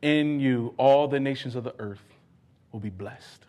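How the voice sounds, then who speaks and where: A man preaching a sermon, fervent and emphatic, repeating key phrases for weight and moving between quieter earnest asides and raised declarations. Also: medium pitch, measured pace, lo-fi sound. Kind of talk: sermon with scripture exposition.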